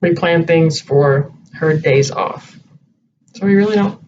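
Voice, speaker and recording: A man's voice: on the high side, slow, a little mellow. A man chatting casually as co-host, rambling and hesitant as he thinks aloud. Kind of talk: casual chat. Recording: distant muffled home recording with light hiss.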